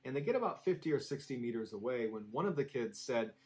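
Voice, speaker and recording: A man telling a scary story in a steady, suspenseful way, dropping low for tense moments. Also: fast talker, low-quality recording. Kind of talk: scripted horror story narration.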